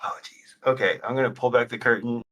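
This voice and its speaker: A man's voice: medium pitch, steady tone, brisk, sharp tone. A man playing a tabletop game, reacting and hesitating casually. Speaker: player.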